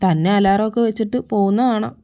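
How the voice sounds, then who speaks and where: A woman voicing a middle-aged mother who scolds her grown son in a sharp-tongued way, in a fan fiction audio story. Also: medium pitch, fairly even intonation, quick pace, natural voice. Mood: scolding.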